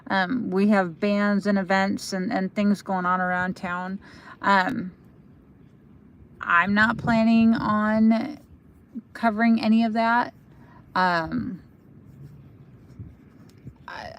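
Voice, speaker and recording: An American woman hosting a casual livestream outdoors, chatting in a halting way and trailing off as she goes. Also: lowish voice, a little hiss or hum. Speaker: livestream host for a local magazine. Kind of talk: casual live commentary answering viewer comments. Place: outdoors at night by a lake.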